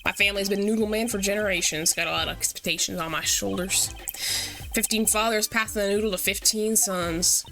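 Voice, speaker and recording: A woman's voice: on the high side, moderate pace, pushed and bright, faint music behind. A woman voicing a brash older noodle vendor, with a put-on folksy drawl of an accent that wanders. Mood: rueful.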